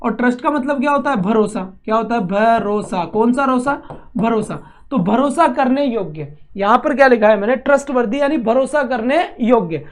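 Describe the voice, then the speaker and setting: A man's voice: extremely high pitch, lively intonation, moderate pace. A man teaching a vocabulary lesson, asking and answering his own questions and scolding students teasingly. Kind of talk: classroom-style vocabulary lesson.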